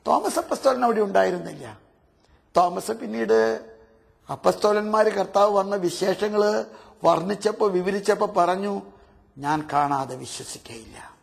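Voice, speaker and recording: A man's voice: sits high, moderate pace, vocal fry, in a large hall. A man giving an impassioned Easter sermon, repeating phrases for emphasis. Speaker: preacher.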